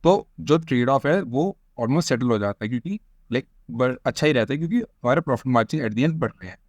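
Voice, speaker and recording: A man with an Indian accent presents an informal stock explainer over a screen share, often switching between Hindi and English and addressing viewers familiarly. His voice is medium-pitched, animated and brisk. The recording is dry and dull.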